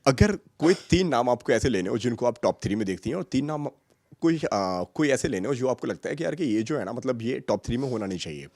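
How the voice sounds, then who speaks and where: A male interviewer asking quick questions and dropping in brief agreements. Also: medium pitch, animated, darkish tone, no room sound.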